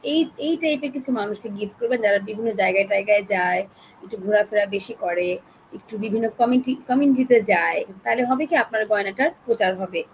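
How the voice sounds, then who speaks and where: A woman with a Bangladeshi accent teaching an online class, chatty and coaxing, keeping her voice soft to spare her throat. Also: mid-range voice, a little fast, a little hiss or hum, rough recording. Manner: chatty, coaxing, talks straight to learners.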